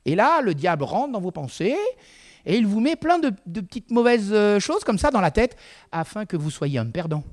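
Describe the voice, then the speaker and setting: A man's voice: sits high, big pitch swings, moderate pace. A man preaching a sermon in a conversational way, with frequent asides to the congregation.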